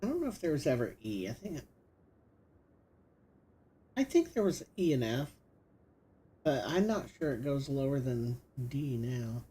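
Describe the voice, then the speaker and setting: A man's voice: medium pitch, sing-song, unhurried, pauses often, dark tone, slight background noise. A middle-aged man giving casual commentary while he plays, thinking aloud with lots of fillers. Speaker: gaming streamer.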